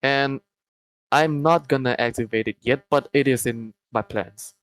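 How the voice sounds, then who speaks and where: A young Malaysian man, a group owner, gives casual interview answers in a medium-pitched, fairly bright voice. He hesitates a lot, with frequent pauses, restarted phrases and trailing fillers. The recording is rough, dry and close, with almost no room sound.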